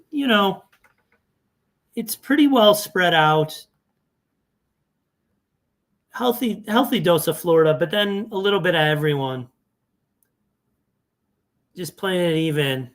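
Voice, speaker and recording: Chatty man thinking aloud over data. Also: sits high. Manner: thinking aloud, self-correcting, conversational. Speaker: fantasy sports analyst. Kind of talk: casual screen-share walkthrough.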